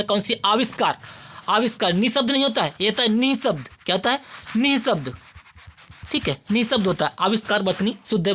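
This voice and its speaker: A teacher running an exam-prep spelling lesson, with a voice that sits at an ordinary middle pitch. The teacher speaks straight to the students, drilling each answer and saying every word again and again while explaining it. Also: a bit bright, slight background noise.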